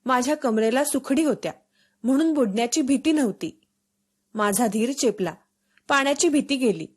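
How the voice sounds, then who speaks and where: A woman narrating a storybook for schoolchildren in a steady, expressive read-aloud. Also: sits high, moderate pace, slightly rough.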